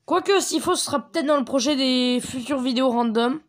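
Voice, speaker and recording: Chatty high-voiced woman gamer. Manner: chatty, rambling, quick to get excited. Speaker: gameplay commentator. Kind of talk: casual gaming commentary. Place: her bedroom at home.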